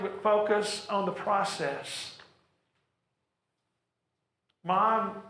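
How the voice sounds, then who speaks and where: A man with a high-pitched, creaky, fairly bright voice presents a practical workshop to a church audience. He speaks earnestly but stumbles over repeated words. The church hall sounds roomy and echoing.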